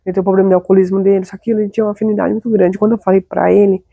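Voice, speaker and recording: Fast-talking gravelly Brazilian woman. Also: mid-range voice, level tone, dark tone, no room sound, highs cut off. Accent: Brazilian Portuguese. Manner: chatty, confiding, frequent tag questions. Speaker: host. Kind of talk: casual personal storytelling.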